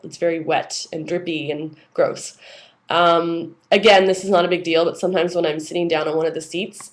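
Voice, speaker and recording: A young woman ranting casually about everyday annoyances in an exasperated, conversational and emphatic way. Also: fairly low pitch. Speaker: vlogger.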